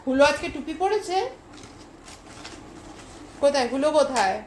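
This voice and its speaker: High-voiced young mom, playful baby talk. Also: female voice, expressive, moderate pace, slight background noise. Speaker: mother filming her toddler. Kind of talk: home video narration and baby talk.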